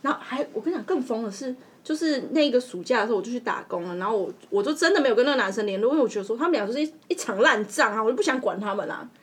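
A woman with a Taiwanese Mandarin accent, co-hosting a podcast and telling a story in a casual, animated way, laughing as she goes. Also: fairly high pitch, very fast, hardly any pauses. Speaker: podcast co-host.

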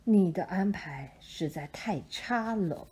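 A woman's voice: fairly low pitch, lively intonation, slow, darkish tone, breathy edge, exaggerated voice. A woman voicing a grumpy owl who grumbles her complaints. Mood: grumbling.

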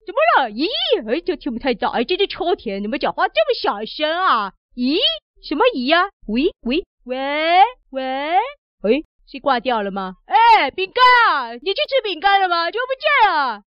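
Woman host, high, lively, teasing; dry, dull recording. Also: dry recording. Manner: exaggerated, teasing, many drawn-out oh's. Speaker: children's podcast host. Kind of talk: playful phone-in skit.

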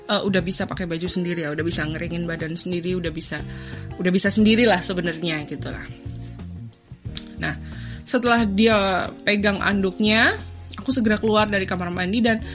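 A woman's voice: medium pitch, a bit bright. A young woman hosting a podcast, telling a personal parenting story in a casual, chatty way. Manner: chatty, retells scenes with quoted dialogue. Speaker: podcast host.

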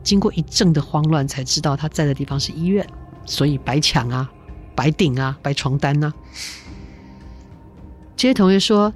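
A middle-aged woman narrates a spooky tale as a podcast host, her voice carrying a gravelly texture. She talks in a chatty way, turning to her listeners with asides and little laughs. Soft music plays faintly behind her. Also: low-pitched.

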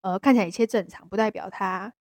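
A woman with a Taiwanese Mandarin accent, co-hosting a podcast in casual chat, talking hesitantly with many restarts and a soft voice that trails off. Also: medium pitch, fairly even intonation, fast talker, no room sound, clean studio sound. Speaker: podcast co-host.

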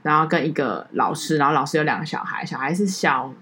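Fast-talking woman telling a personal story. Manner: animated storytelling, drops low and soft on heavy moments. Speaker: podcast co-host. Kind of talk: casual chat.

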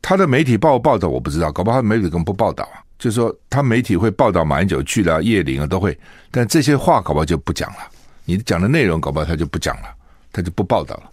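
A man's voice: low-pitched, sing-song, racing, slightly rough, dry recording, studio quality. A man hosting a radio show, giving opinionated solo news commentary full of rhetorical questions.

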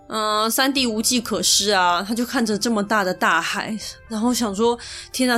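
A woman with a Taiwanese Mandarin accent hosting a podcast, retelling myths in a chatty, playful way. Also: medium pitch. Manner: chatty, playful, lively asides. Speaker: podcast host. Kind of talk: casual storytelling podcast. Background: faint background music.

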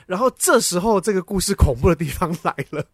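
A man's voice: high voice, lively intonation, fast talker, no room sound, clean studio sound. A man co-hosting a casual chat podcast, dramatically retelling a story with laughs and the odd swear. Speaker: podcast co-host.

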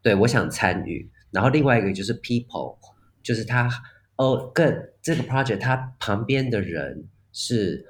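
A man appears as a guest jazz musician on a casual podcast, his voice sitting slightly low. He thinks aloud, with frequent restarts, fillers and English words mixed in. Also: lively intonation, moderate pace. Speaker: guest jazz composer and performer.

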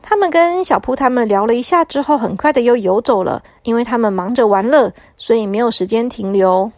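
A woman's voice: a little high, a little fast, no room sound, studio quality. Woman telling a children's story. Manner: warm, soothing storytelling.

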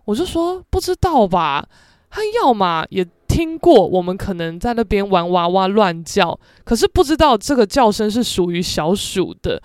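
A woman's voice: mid-range voice, normal speed, smooth, no echo, studio quality. A young woman with a Taiwanese Mandarin accent, hosting a podcast and telling family stories casually, acting out the voices of relatives. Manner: animated, acts out family members' voices. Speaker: podcast host. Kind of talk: casual storytelling.

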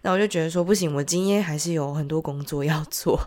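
A woman's voice: low voice, fast talker, a little mellow. A woman with a Taiwanese accent and a nasal, congested voice from a heavy cold, chatting casually as the host of a solo audio diary. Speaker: podcast host, entrepreneur.

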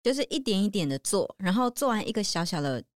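Female co-host for a casual podcast, Taiwanese Mandarin accent, medium pitch, very dry recording. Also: very animated, fast, no room sound. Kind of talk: casual chat.

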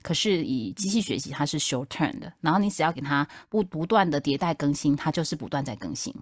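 A woman's voice: low voice, expressive, brisk, dry recording, studio quality. A woman from Taipei with a Taiwanese accent, explaining things in casual podcast chat and checking that the listener follows. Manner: explanatory, checks understanding with tag questions. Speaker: podcast guest explaining technology.

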